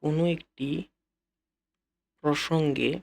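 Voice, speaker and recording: Man, Bengali accent, English teacher, slightly high voice, repeats phrases, talks straight to students. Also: steady tone, vocal fry. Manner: repeats key phrases slowly, addresses students directly. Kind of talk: classroom-style lesson explanation.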